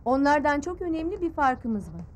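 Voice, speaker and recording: An actress playing a composed journalist who calmly explains her work. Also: sits high, a little hiss or hum. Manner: measured, explanatory.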